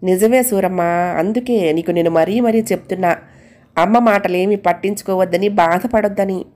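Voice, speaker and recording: Woman voicing a calm, patient husband. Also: a little high, moderate pace, close to an everyday voice. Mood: gentle. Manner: gentle, soothing. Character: calm patient husband, middle-aged man.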